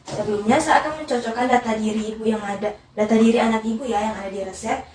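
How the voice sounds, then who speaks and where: A young woman speaks quickly in a polite, formal customer service voice. She sounds like a pharmacist rehearsing a counseling script, recorded at a distance in an echoey room. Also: a little high, steady tone, a little mellow. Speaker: pharmacist in a student counseling role-play. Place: echoey indoor room, away from the mic. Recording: echoey room, distant mic, faint noise.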